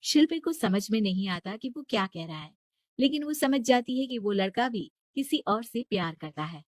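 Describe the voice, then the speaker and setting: Female storyteller, high-pitched, dramatic scripted narration, close dry sound. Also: animated, moderate pace, no room sound.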